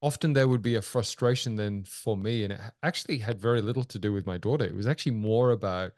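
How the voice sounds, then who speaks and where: A man co-hosting a podcast, a father speaking earnestly and thoughtfully, pausing and restarting as he works through his ideas. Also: fairly low pitch, darkish tone, no room sound, clean studio sound. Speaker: podcast co-host. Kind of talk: reflective interview talk.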